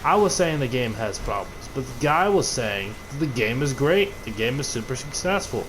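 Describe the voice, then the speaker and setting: A man's voice: mid-range voice, big pitch swings, moderate pace, a bit bright, a little hiss or hum, poor audio. A man ranting casually about a video game, rambling and cursing, often restarting his sentences. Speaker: gaming video creator. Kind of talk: casual gaming rant.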